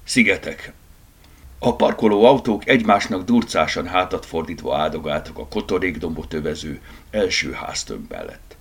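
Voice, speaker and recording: A man's voice: low-pitched, husky. A man narrating a children's animal story as an audiobook reader, telling it expressively. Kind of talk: scripted narration.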